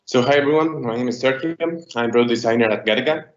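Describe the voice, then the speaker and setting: Man pitching a startup in a roomy space. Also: fast. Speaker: startup presenter. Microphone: video call. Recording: roomy, dull, noisy call with clicks.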